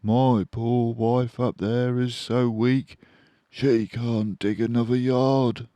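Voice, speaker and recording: A man voicing a frantic, starving, grumbling adult male badger in a children's storybook, excitable and full of despair. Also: mid-range voice, no room sound, voice pushed up, lightly acted. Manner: excitable, despairing, drawn-out exclamations.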